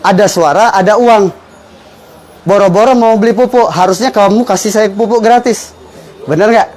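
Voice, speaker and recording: A man giving an informal motivational business pitch, persuasively explaining and punctuating his points with rhetorical questions. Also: normal speed, darkish tone. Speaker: business presenter explaining a fertilizer sales strategy.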